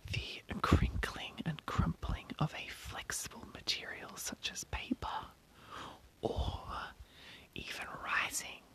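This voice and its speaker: An ASMR host speaking entirely in a breathy whisper, reading an article aloud and adding informal, rambling asides. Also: takes it slowly, pushed and bright, low-quality recording. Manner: informal, rambling, self-commenting.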